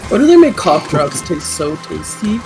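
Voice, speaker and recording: A woman's voice: lowish voice, very animated, moderate pace, gravelly. A woman chatting casually on a game stream, giggly and talkative. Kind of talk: casual chat while gaming. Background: game music.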